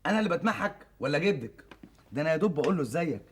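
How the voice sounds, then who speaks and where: A man's voice: on the high side, animated, rapid-fire, a little hiss or hum, natural voice. A young man playing a cocky, cheeky thief in an Egyptian stage comedy, speaking Egyptian Arabic. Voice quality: cheeky, teasing.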